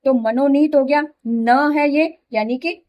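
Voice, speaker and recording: A woman's voice: high voice, takes it slowly, lo-fi sound. A woman teaching Hindi grammar, explaining each rule step by step, repeating examples and checking that students follow. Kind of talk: classroom explanation.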